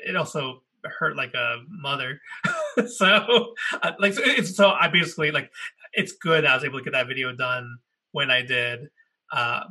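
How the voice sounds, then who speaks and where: A podcast co-host with a medium-pitched, pushed, bright voice and a breathy edge tells a story during casual talk show chat. He rambles, backtracks to correct himself, and laughs often.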